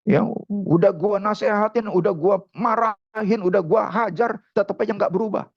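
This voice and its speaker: A man's voice: high voice, fairly even intonation, normal speed, no room sound, dull audio, voice pushed up. A man doing a furious army father. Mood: angry. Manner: shouting, coarse Betawi slang. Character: angry man, army father scolding his son.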